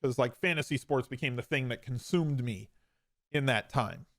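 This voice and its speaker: A man's voice: mid-range voice, normal speed, a bit bright, dry recording, clean studio sound. A man in his forties hosting a podcast, telling his own story in a casual, conversational way with emphatic repeats and some self-deprecation. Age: 40s. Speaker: podcast host.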